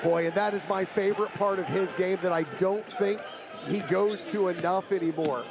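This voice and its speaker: High-pitched, gravelly male basketball analyst. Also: steady tone, normal speed. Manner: conversational, opinionated analysis. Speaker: color analyst. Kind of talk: live sports commentary. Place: indoor basketball arena. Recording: crowd noise from basketball arena.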